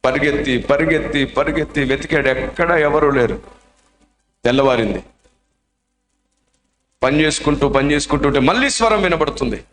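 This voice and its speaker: A man's voice: on the high side, moderate pace, long pauses, a bit bright. A male preacher telling a testimony story in a dramatic, emotional sermon style. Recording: echoey room.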